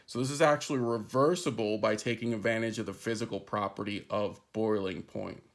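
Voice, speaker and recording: A man's voice: on the low side, fairly even intonation, fairly quick, a little hiss or hum. A man recording an introductory chemistry lesson, explaining step by step and often checking in with "right?" and "okay?". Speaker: chemistry instructor. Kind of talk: recorded lecture.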